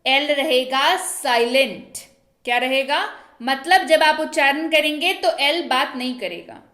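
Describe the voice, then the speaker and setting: A woman with a high voice teaches a grammar lesson at an unhurried, measured pace. She often stops to ask quick check questions and says each example sentence twice, slowly. The room around her sounds echoey. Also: a bit bright. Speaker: English teacher.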